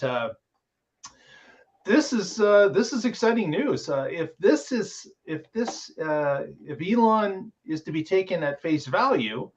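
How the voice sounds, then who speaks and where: A man hosts a casual podcast, talking through the week's news with plenty of filler words. His voice is a little high, and the recording sounds muffled.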